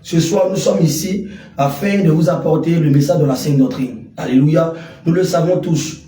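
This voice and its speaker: Radio preacher, man, high and mellow voice, a bit off mic in an echoey studio. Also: moderate pace, recorded from a distance. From Côte d'Ivoire. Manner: declamatory, repeats alleluia.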